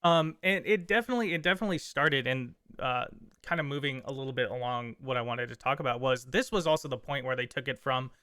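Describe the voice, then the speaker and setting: Bright, crisp-voiced man chatting casually. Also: mid-range voice, fast, dry recording, clean studio sound. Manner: enthusiastic, sarcastic, rambling with restarts. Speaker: podcast co-host. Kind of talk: casual chat.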